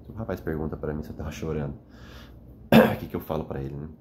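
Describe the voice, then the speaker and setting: Indoors at night, a vlogger speaks to the camera in an emotional, reflective monologue, earnest and rambling, often tagging sentences with "né?" and sounding worn out after crying. His voice is very deep, steady, fast and a little mellow, with a slight hiss or hum.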